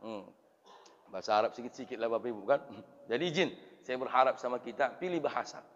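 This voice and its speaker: Preacher, male, animated and theatrical, echoey muffled hall. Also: medium pitch, quick pace. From Indonesia. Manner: animated, swings loud and soft, acts out voices. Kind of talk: lively mosque sermon. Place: mosque. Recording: reverberant hall through dull PA sound.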